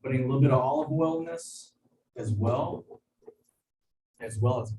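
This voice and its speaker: A man, a chef, giving a casual cooking demonstration in a kitchen over a video call. He talks in a hesitant, halting way, with lots of fillers and restarts. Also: medium pitch, warm tone. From United States. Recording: echoey room, far from mic, background noise.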